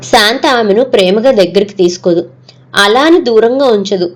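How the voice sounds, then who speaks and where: A woman narrating an audio story in a steady, measured way. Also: mid-range voice.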